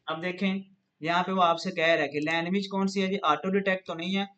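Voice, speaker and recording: High-voiced man explaining a software tutorial. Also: flat delivery, brisk, highs cut off. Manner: patient, step-by-step explaining, leans on a repeated filler phrase. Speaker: instructor. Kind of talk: screen-recorded software tutorial.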